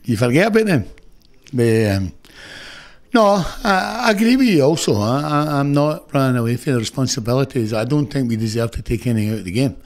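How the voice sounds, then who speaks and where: Speaking into a close stand mic in front of a sponsor backdrop, a Scottish manager in his sixties vents after the match. His mid-range voice is animated and fairly quick, and his comments are frank and annoyed in the indoor press room.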